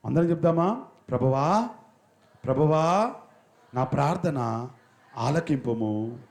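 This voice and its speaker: A male pastor preaching a sermon in church, leading the congregation in slow, drawn-out chanted prayers and scolding listeners who do not join in. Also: fairly high pitch, expressive, a little mellow. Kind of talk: sermon with call-and-response prayer.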